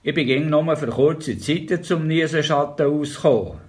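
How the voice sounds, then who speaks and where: In a voice on the high side, an older Bernese Oberland man with a Bernese German accent reads his memoirs and dialect tales at normal speed. He tells them calmly, as a storyteller would.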